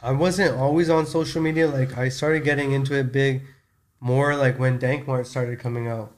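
Thirties man from Canada, relaxed and rambling guest, middle pitch. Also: moderate pace. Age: 30s. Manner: laid-back, rambling, filler-heavy. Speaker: guest, cannabis store owner. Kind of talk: casual podcast chat.

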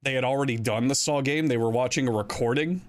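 A man chatting casually about films, telling stories in an animated, sweary way. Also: medium pitch, fast talker.

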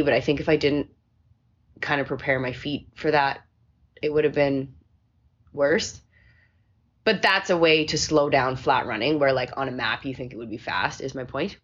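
A woman's voice: low-pitched, a bit bright, slightly rough, dull audio. A woman hosting a casual post-race chat, rambling a little, recorded on a phone in a hotel room. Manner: rambling, with many restarts and fillers. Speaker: podcast host.

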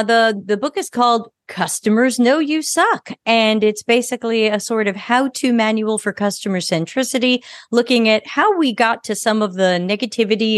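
A woman's voice: on the high side, no room sound. A woman speaking as a guest expert in a podcast interview, frank and a little sarcastic.

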